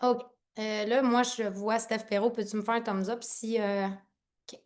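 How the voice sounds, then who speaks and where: A woman with a Quebec French accent gives an excited, rambling online training talk as a team leader over a laptop video call, laughing often. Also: fairly high pitch, measured pace. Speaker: network marketing team leader.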